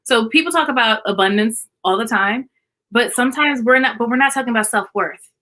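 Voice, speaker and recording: A woman's voice: on the high side, a little fast, bright, forceful tone. A woman speaking as an art therapist guest in a casual live-stream chat, explaining earnestly and repeating key points for emphasis.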